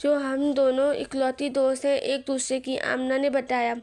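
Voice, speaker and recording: A woman reading a romantic novel aloud, voicing the quoted dialogue in her own voice at an even, unhurried pace. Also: high-pitched. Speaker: novel reader.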